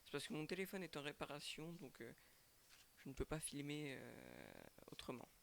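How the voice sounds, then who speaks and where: A man's voice: on the high side, wildly swooping pitch, normal speed, vocal fry, fairly bright tone, a little hiss or hum. A man doing a casual tarot reading to a webcam with a microphone, stumbling and repeating words often. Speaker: tarot reader and channel host.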